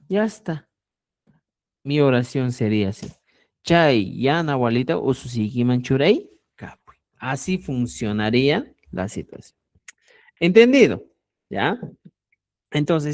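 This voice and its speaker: Slow, patient male language teacher. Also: a little high, a little mellow, no room sound, clean studio sound. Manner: slow, patient explaining with frequent "¿ya?" checks. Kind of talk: online language lesson.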